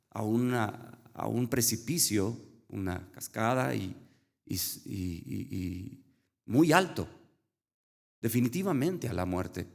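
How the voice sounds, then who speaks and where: A man preaches slowly and earnestly, his voice heavily gravelly. He carries the sermon with storytelling and rhetorical questions, in a mid-range pitch. The hall around him rings with a long reverb. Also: a little mellow. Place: church hall.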